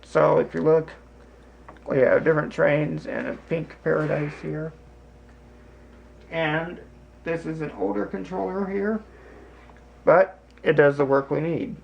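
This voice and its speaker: A man giving a casual hands-on demonstration in a deliberate, halting way, with broken phrasing. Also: on the high side, steady tone, muffled recording. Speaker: host demonstrating a hobby. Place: home basement, indoors. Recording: clear background noise, room ambience.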